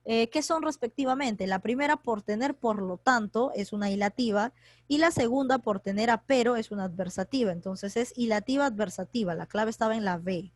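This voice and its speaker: A woman teaching an online grammar class, talking quickly and chattily as she quizzes students by name. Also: on the high side, no room sound. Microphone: computer mic on a video call.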